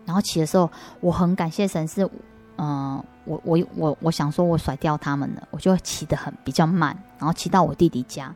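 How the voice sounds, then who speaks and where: A woman's voice: deep voice, brisk, darkish tone, soft background music. A woman with a Taiwanese Mandarin accent, a guest in an interview, earnestly telling her story of faith with frequent restarts. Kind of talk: personal faith testimony.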